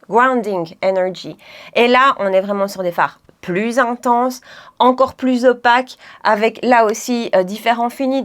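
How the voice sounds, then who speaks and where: Brief: friendly woman beauty vlogger, a bit high-voiced, rambly and giggly. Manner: chatty, self-correcting, laughs often. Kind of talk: chatty makeup tutorial.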